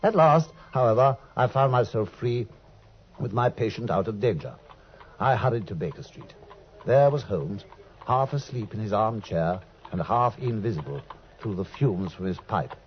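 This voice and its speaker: In a vintage radio drama, an actor plays an earnest, loyal male doctor who speaks eagerly, exclaims readily and also narrates. His lower voice has lively intonation and is close to an everyday voice, heard through a dull, husky old radio recording with slight background noise.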